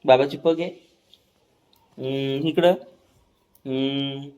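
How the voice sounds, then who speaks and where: A man's voice: medium pitch, fairly even intonation, takes it slowly, mellow. A man, a father filming a casual family vlog, talking with playful teasing and coaxing to his small son.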